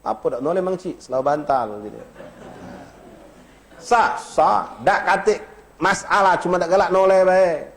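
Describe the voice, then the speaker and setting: A man's voice: high-pitched, a little hiss or hum. A man teaching an Islamic study circle, stretching out Arabic phrases to show how to say them and talking to the audience in a folksy way. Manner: demonstrates pronunciation, drawn-out chanted Arabic phrases; addresses audience directly, folksy humor. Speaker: religious teacher.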